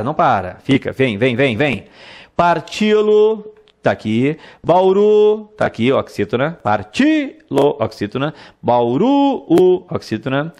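A man teaching an online exam-prep grammar lesson, drilling examples and coaxing viewers to answer aloud. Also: mid-range voice. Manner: repeats words and drills examples. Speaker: Portuguese teacher.

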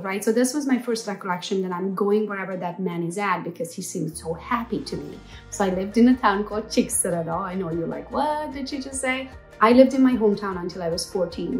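A woman in her forties, born in Transylvania, tells her own story in a warm, chatty vlog style and talks straight to the people watching. She records at her desk and then walks through old school halls with a phone in hand. Soft music plays faintly underneath. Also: medium pitch. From Transylvania, Romania. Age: 40s. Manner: chatty, playful, addresses viewers directly. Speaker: entrepreneur vlogger. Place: home office with window, then old school building.

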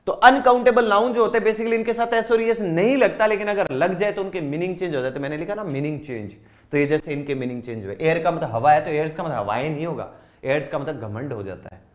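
A man's voice: fairly high pitch, fast talker. A man with an Indian accent teaching an online exam-prep English lesson in Hindi, drilling word lists and checking that students follow.

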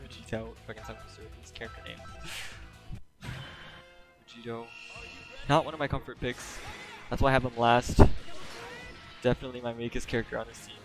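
A man giving live commentary as he streams a fighting game on a headset, excitable, laughing, swearing and getting hyped. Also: medium pitch, brisk, pauses often, music in the background.

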